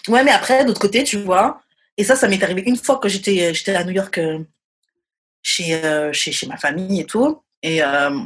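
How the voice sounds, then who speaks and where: Hesitant young French woman, husky voice. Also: medium pitch, moderate pace. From France. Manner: hesitant, many fillers and restarts, trailing off quietly. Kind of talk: casual chat.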